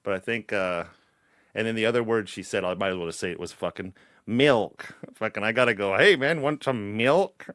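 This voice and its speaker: A man's voice: on the low side, a little fast, a bit bright, no echo, studio quality. A man from Central California hosting a podcast, telling rambling stories in casual chat full of swearing. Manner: rambling storytelling, swears a lot. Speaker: podcast host.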